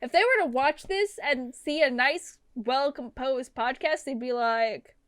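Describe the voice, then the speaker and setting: A woman's voice: high voice, unhurried, no room sound. A woman in her late twenties co-hosting a casual podcast, telling stories with quoted asides. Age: 20s. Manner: animated storytelling with quoted asides. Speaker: podcast co-host. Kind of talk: casual chat.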